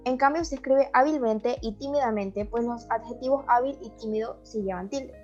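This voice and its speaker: A woman's voice: fairly high pitch, normal speed, darkish tone. A young woman giving a class presentation, explaining step by step. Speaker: student presenter. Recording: dull lo-fi sound with faint music.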